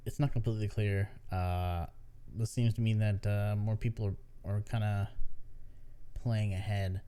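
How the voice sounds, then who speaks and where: A man's voice: lowish voice, flat delivery, unhurried, dark tone, clear, resonant tone. A tired man hosting a casual gaming news podcast, rambling with many fillers and restarts. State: tired, yawning. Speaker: podcast host.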